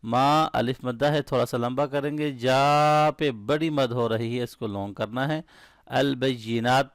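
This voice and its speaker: A man teaching recitation step by step. He chants each verse slowly and melodically, then explains the rules quickly in a lower voice, often checking in with the listener. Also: clean tone, no echo, clean studio sound.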